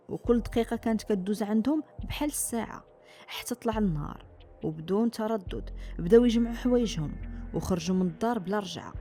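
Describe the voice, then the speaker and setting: A woman's voice: mid-range voice, warm tone. A woman with a Moroccan accent narrating a scripted horror story in a dramatic, suspenseful way. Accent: Moroccan Arabic.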